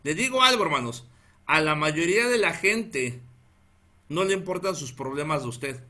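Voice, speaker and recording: A pastor in his thirties with a northern Mexican Spanish accent preaches a storytelling sermon at a moderate pace, animated and repeatedly calling out to the brethren. His bright, forceful voice sits a little high for a man, and he chuckles at his own story.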